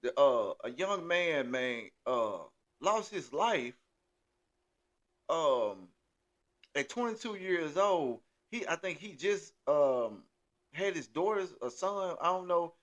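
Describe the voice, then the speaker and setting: Guy in his 30s hosting, slightly high voice, pitch jumping all over, rambly. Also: takes it slowly. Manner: lively, rambling, many restarts and filler phrases. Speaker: podcast host. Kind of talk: casual chat.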